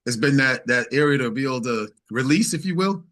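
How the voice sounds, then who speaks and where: A man's voice: medium pitch, expressive, brisk, fairly bright tone. A man speaking casually as an interview guest and singer-songwriter, emphatic, repeating phrases and quoting conversations as he tells anecdotes.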